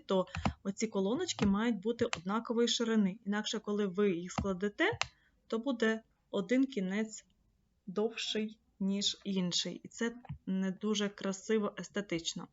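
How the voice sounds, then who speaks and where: A woman's voice: medium pitch, normal speed, a little hiss or hum. Woman trainer explaining a tutorial. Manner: explanatory, addresses viewers directly. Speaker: online course trainer. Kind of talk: screen-share tutorial lesson. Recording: slightly dull lo-fi mic.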